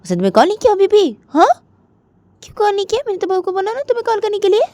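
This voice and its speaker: A woman's voice: extremely high pitch, sing-song, racing, darkish tone, no echo, voice pushed up. A woman doing a fussy talkative mother. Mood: chatty. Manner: chatty, questioning.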